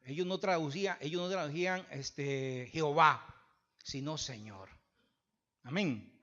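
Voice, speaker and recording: A man pastor preaching a sermon in a church, swinging between loud emphatic passages and quiet conversational asides, often restarting phrases and asking the congregation "right?". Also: on the high side, unhurried, dull audio. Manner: repeats and restarts phrases, asks the congregation "verdad?".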